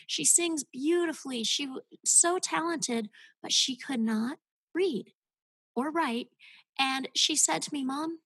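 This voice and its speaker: A woman's voice: sits high, slow pace, a bit bright, dry recording, poor audio. A woman guest on a podcast, telling her story as a homeschooling mother in an earnest, heartfelt way. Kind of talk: casual podcast interview.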